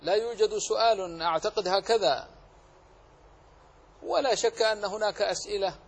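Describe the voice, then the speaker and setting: A man's voice: high voice, vocal fry, slightly rough. A man teaching a tajweed lesson who explains each rule and then recites the correct form as an example.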